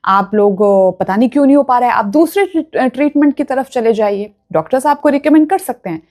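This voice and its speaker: A woman's voice: on the high side, expressive, brisk, darkish tone. A woman vastu consultant giving earnest, instructive advice straight to her viewers, often checking that they follow. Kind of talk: direct-to-camera advice talk.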